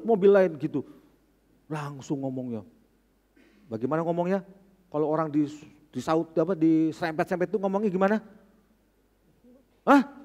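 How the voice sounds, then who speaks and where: A male pastor preaching a church sermon, telling stories and swinging from hushed asides to loud emphatic calls. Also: fairly high pitch. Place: church service. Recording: long church hall reverb.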